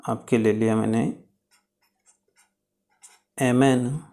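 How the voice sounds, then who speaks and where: A man's voice: medium pitch, level tone, dark tone. A man teaching chemistry in a step-by-step lecture, checking in often with his students. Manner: explains slowly, checks with "ठीक है".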